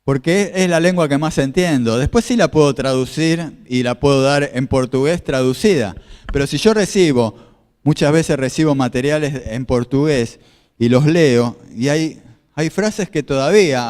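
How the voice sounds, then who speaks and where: In a large hall, a man with a somewhat high, slightly mellow voice preaches at a moderate pace. Originally from Argentina with Spanish as his first language, this pastor uses slides to explain scripture, repeating lines and asking his listeners questions.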